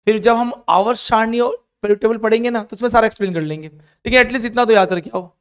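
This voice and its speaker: A man's voice: sits high, fairly even intonation, quick pace, clear, resonant tone. A male chemistry teacher with an Indian accent giving an encouraging classroom lecture, drilling students through repeated call-and-response lists.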